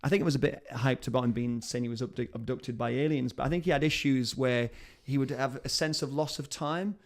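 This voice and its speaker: Fast-talking host. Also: male voice, mid-range voice. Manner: rambling, chatty and enthusiastic. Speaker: show host. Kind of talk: casual live-stream chat.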